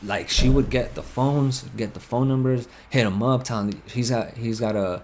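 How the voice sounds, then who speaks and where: A young man chatting casually on a headset in game voice chat recounts a long, heated story from his own life, cursing and rambling off on asides. His voice is mid-range and a bit mellow at normal speed, with slight background noise.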